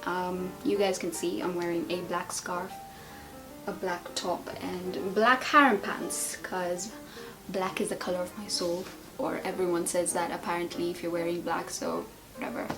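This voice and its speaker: A woman's voice: on the low side, level tone, moderate pace, over music. A woman in her twenties chatting casually in a tag video, rambling and playful as she answers questions. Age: 20s. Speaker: beauty and lifestyle vlogger.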